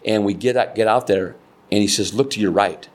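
A man's voice: fairly low pitch, brisk. A middle-aged man from Nebraska, a kayak fishing guide, telling stories in a rambling, earnest way full of fillers and restarts. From Nebraska, United States. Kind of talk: casual storytelling interview.

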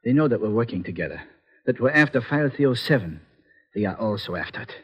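An actor playing a small, secretive, resourceful ally in an old-time radio adventure, speaking in careful, formal phrases with a husky voice. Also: male voice, mid-range voice, very animated, fast, highs cut off. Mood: earnest. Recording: reverberant old radio recording.

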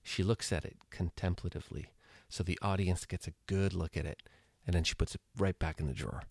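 A man's voice: sits low, steady tone, a little fast, creaky, dry recording. A man hosting a podcast, retelling an old crime episode scene by scene with wry, sarcastic asides. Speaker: podcast host. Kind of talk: casual episode recap. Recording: loud music behind the voice.

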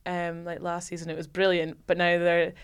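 A woman's voice: fairly low pitch, monotone, moderate pace, clean tone. A young woman in her twenties, a rugby development officer, talking eagerly with lots of 'like' and 'you know'. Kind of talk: casual chat.

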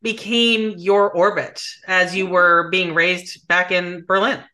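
Bright, playful woman host. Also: on the low side, steady tone, slow pace. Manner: playful, joking, laughs along. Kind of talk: casual interview conversation.

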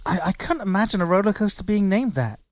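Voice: medium pitch, sing-song, fast talker, dry recording. Laughing British co-host, dry sound. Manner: laughs often, hesitant restarts, wry. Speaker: podcast co-host. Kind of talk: casual chat.

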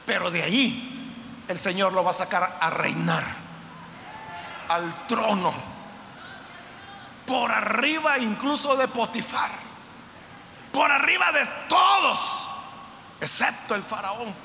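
An impassioned preacher who breaks into shouts. His voice is very high and piercingly bright. It rings through a large hall with a long echo and faint ambient noise behind it. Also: expressive, takes it slowly, vocal fry, pauses often. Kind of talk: sermon.

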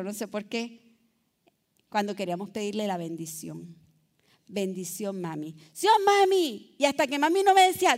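A woman preaching a sermon, exhorting her listeners and swinging between loud calls and soft, low asides.

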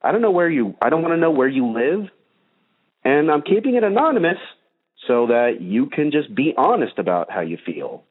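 A man's voice: on the high side, sing-song, normal speed, slightly rough. Man talking over a tinny phone line. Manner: rambling, many ums and uhs. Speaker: call-in show host. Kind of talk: casual rambling monologue.

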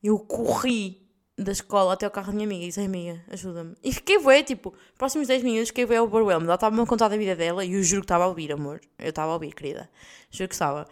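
A young adult woman with a European Portuguese accent hosts a podcast, telling a story in casual chat. She talks very fast at medium pitch, laughing often and swearing freely in slangy speech.

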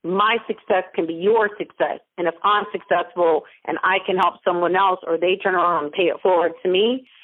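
A mentor and business founder is interviewed by phone, her tinny audio dry. Her fairly low voice stays fairly even at a normal speed with hardly any pauses as she speaks emphatically and motivationally, piling up repeated phrases.

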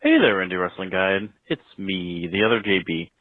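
Deep-voiced man over a landline phone. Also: very animated, normal speed, no room sound. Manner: rambling, hesitant, many ums. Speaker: caller. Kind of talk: voicemail message to a podcast. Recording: tinny phone line.

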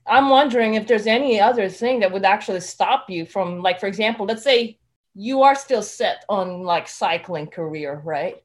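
A woman's voice: mid-range voice, moderate pace. A woman hosting a live interview, chatty and eager, laughing easily as she asks questions. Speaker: live show host.

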